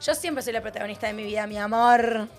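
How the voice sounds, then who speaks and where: Argentine Rioplatense woman, brash panelist, high voice, rapid-fire delivery, gravelly fry, faint music under her. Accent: Argentine Rioplatense Spanish. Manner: brash, combative, fast-talking, crude slang. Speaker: panelist, former reality-show contestant. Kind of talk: casual studio banter. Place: streaming studio.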